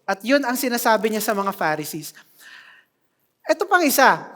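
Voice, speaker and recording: A preacher giving an animated sermon in a church, joking with the congregation. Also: mid-range voice, normal speed, a little hiss or hum. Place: church hall. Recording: long reverb of a church hall.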